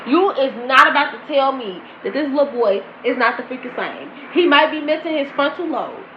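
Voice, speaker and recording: A woman's voice: high-pitched, animated, moderate pace, dull audio, a little hiss or hum. A woman blogger ranting heatedly in casual slang, talking straight to her viewers in a commentary vlog. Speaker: celebrity gossip blogger.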